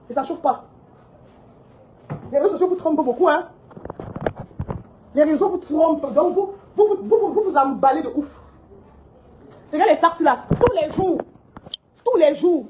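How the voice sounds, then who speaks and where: Woman, shop owner, scolding rant, rapid delivery, mellow tone, recorded on a phone. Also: sits high, lively intonation, a little hiss or hum, rough recording. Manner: indignant, scolding, repetitive. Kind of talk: heated monologue to followers. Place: her cosmetics shop.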